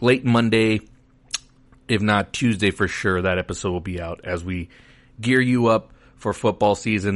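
Male podcast host, American accent, low pitch, casual, informal, rambling. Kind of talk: casual solo entertainment show talk.

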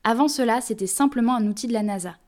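A woman's voice: on the high side, fast, a little mellow. Woman hosting a friendly podcast. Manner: friendly, addresses listener directly. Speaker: podcast host. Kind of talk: casual scripted podcast talk.

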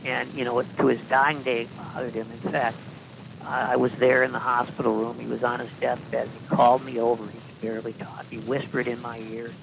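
A man, a podcast guest, telling long anecdotes in a deadpan style with dry asides and frequent restarts. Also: mid-range voice, brisk, gravelly, noisy background. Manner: deadpan, self-correcting storyteller with dry asides. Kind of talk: casual anecdotal storytelling.

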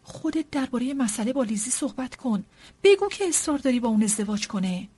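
A woman voicing a fussy, excitable middle-aged mother in an audiobook, pushing and pleading in a rush. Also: husky. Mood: agitated. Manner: shrill, pushy, breathless insistence. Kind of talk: audiobook character reading.

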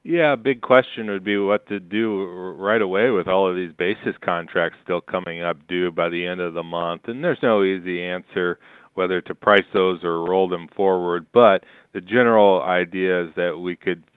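A man comes through a telephone line, his voice low and smooth despite the thin, narrow band of the call. He speaks in a measured, steady way, pausing on fillers as he walks through the markets. The sound is dry, with no room around it. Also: no echo. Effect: heard over the phone. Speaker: market analyst guest. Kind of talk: market commentary.

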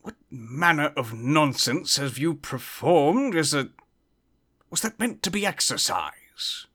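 Man doing a pompous armored knight, stubborn, archaic speech, bright, lively pitch. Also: slow pace, husky, full character voice. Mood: haughty. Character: stubborn, formal male knight in full armor. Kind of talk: tabletop roleplay in character.

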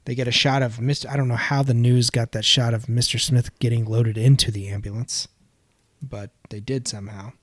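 A man's voice: medium pitch, fairly even intonation, brisk, dry recording. A man hosting a casual podcast, recapping a film scene by scene in plain narration.

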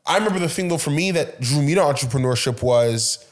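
Host, Canadian-born man, quick and talkative, leans into anecdotes. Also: fairly high pitch, expressive. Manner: chatty, storytelling, asks follow-up questions. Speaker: podcast host. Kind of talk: conversational interview.

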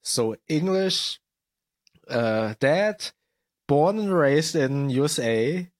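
A man's voice: fairly high pitch, lively intonation, drawn-out words, no room sound, studio quality. A man from Germany hosting a podcast, asking short, hesitant questions in a casual interview. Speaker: podcast host.

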